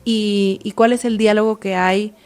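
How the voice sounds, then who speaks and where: A woman host interviews her guest on a podcast. Her voice sits at an ordinary middle pitch. She builds long, winding questions and keeps tagging them with short check-ins. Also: steady tone, measured pace, a little mellow, clean tone, faint music behind. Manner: asks long, winding questions, punctuated by tag questions.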